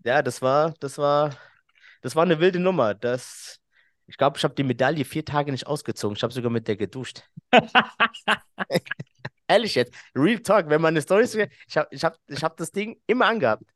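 A man's voice: fairly high pitch, fairly quick, no echo, clean studio sound. A man, a podcast guest who tells a story in casual chat, laughs often and acts out what people said.

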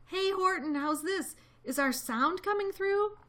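Woman doing a tiny, pleading mayor, very high voice. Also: lively intonation, measured pace, fairly bright tone, heavily acted. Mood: hopeful calling. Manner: pleading, high-pitched little-person plaintiveness. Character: tiny, beleaguered male mayor of miniature folk. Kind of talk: read-aloud storybook character voice.

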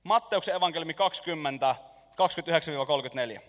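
Animated man preaching in a reverberant hall. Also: fairly high pitch. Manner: animated, jokey, lets the room laugh. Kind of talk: lively sermon with audience skit. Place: church hall. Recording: long reverb of a large hall.

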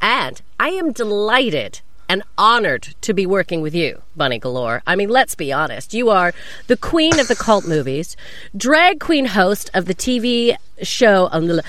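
A woman's voice: medium pitch, big pitch swings, measured pace, a bit bright, dry recording. A woman co-hosting a podcast with enthusiastic banter. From Canada. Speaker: podcast co-host and stand-up comedian.

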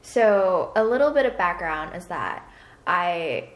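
Fairly low in pitch yet animated, a twenty-something woman from Hong Kong speaks slowly as a podcast co-host. She chats casually and loosely, peppering her speech with fillers, while the room adds some echo.

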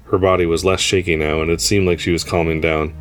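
Deep-voiced man reading a story. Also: flat delivery, quick pace, fairly bright tone. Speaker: story reader. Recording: faint music underneath.

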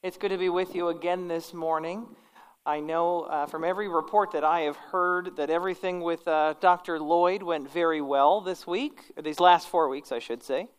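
A woman's voice: lowish voice, fairly even intonation, normal speed, clean tone. A woman pastor with a kindly, conversational manner, teaching an informal church class and correcting herself as she goes. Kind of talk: informal religious lecture and prayer.

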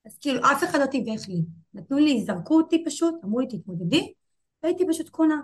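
A woman's voice: high voice, animated. Young woman telling a hard story. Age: 20s. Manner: halting, repeats herself, voices rise and fall with emotion. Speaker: guest. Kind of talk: emotional personal interview.

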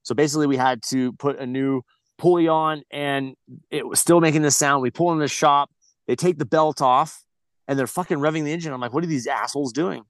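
An American man guesting on a podcast tells a story in a blunt, very profane way, rambling and often starting over. His voice runs high and fairly fast, with no room sound in the recording.

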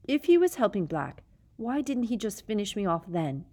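A woman's voice: mid-range voice, big pitch swings, moderate pace, mellow, voice pushed up. A woman reading aloud and voicing a brave, defiant teenage boy in a storybook. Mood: earnest. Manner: earnest, pleading, raised.

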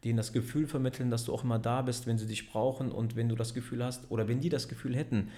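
A man's voice: mid-range voice, steady tone, quick pace, dark tone. A man who runs a business and leads a team, talking casually in an interview, rambling and correcting himself, often tagging sentences with a questioning aside. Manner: rambling, self-correcting, frequent "ne?" tags. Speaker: business owner and team leader.

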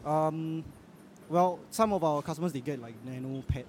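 A Singaporean man with a slightly high voice hosts a casual podcast while out and about. His talk is informal and colloquial, peppered with Singlish particles, and noisy public ambience is clearly heard around him. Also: normal speed, a little mellow. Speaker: podcast host.

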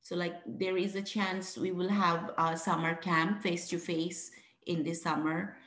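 A woman's voice: on the low side, level tone, a little slow, a bit bright. A woman from Bangladesh, a program founder, answering interview questions in an earnest, reflective way, often restarting her sentences. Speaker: guest, founder of a mentoring program. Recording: roomy echo.

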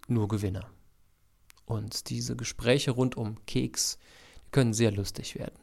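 A man working as a learning coach, calmly addressing students directly in a scripted podcast lesson. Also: mid-range voice, gravelly. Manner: calm, direct second-person address.

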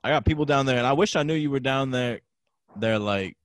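A man's voice: mid-range voice, a little fast, no room sound, clean studio sound. A young man hosting an interview over a video call, talking loosely with slang and casual swearing. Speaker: interviewer, podcast host.

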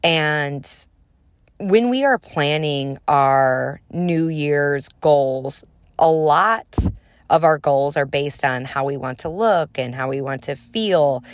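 A woman's voice: deep voice, lively intonation, slow, no echo. A woman in her thirties hosting a solo podcast, talking casually in an upbeat, chatty and encouraging way. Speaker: podcast host and motivational speaker.

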